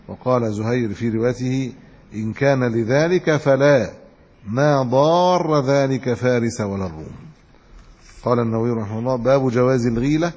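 Man, religious lesson, reading then explaining, slightly husky, long hall echo. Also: medium pitch, darkish tone. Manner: reads chains of narrators then explains in plain words with restarts. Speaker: sheikh teaching hadith. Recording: dull lo-fi recording with long hall reverb.

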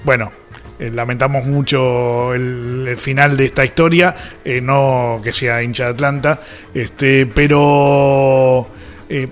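A man's voice: medium pitch, flat delivery, takes it slowly. A man with a Rioplatense accent, a radio co-host reading listener messages and talking with many fillers. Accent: Rioplatense Spanish. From Argentina. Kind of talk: casual radio chat.

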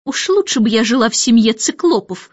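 A woman voicing a stern, sniffy nanny who gives sharp commands, in an audiobook. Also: on the high side, lively intonation, a little fast, husky, no room sound, dull audio.

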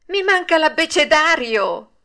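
A lively wooden puppet boy chatters in a high, eager voice, put on by a woman reading a storybook aloud. His lines leap up and down with excitement. The reading stays clear and close. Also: a little slow, heavily acted.

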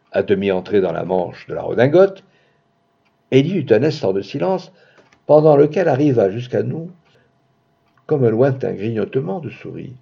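A man narrating a literary story in a theatrical way, swinging from hushed passages to booming outbursts, heard in a dull lo-fi recording. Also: creaky, husky. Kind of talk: dramatic literary audiobook reading.

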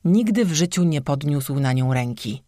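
An audiobook narrator tells an old folk tale in a steady, even storybook manner. The voice sits at a middling pitch, and the close studio recording is dry with no room sound. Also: moderate pace, no echo.

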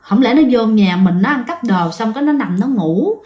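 A woman's voice: on the high side, animated, moderate pace, a little mellow, lightly acted. Woman doing a frightened southern mother. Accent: Southern Vietnamese. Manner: anxious, worried calling. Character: frightened young mother calling her child.

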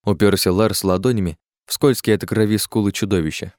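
A man giving scripted audiobook narration in a measured, expressive way. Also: on the low side, no room sound, clean studio sound.

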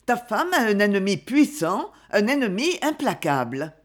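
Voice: medium pitch, big pitch swings, normal speed, natural voice. A narrator voicing a grave, secretive aristocratic mother who warns her son in a solemn, insistent tone. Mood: grave warning.

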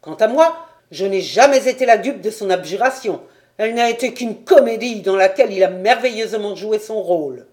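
A woman's voice: mid-range voice, lively intonation, a little fast, a little mellow, lightly acted. A woman voicing a proud, defiant male rebel captain in a storybook reading, bold and haughty. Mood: scornful.

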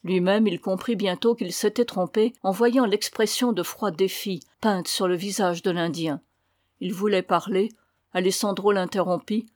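A woman reading a novel aloud in a steady, measured way. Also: medium pitch, no room sound, clean studio sound. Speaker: audiobook reader. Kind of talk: scripted narration.

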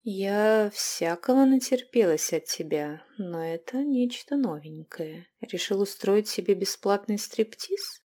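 A scheming old vampire queen witch, as a woman puts her on in an audiobook. She mocks, taunts and hisses, and her voice climbs higher and louder than the narration. She also drops into slow, breathy wheedling. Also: expressive. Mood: sarcastic. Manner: mocking, taunting, hissing. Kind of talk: audiobook character voice.

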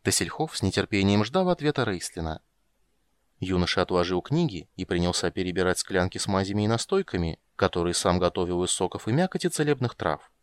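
Expressive male audiobook narrator. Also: low-pitched, a little fast, smooth, no room sound. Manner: expressive storytelling.

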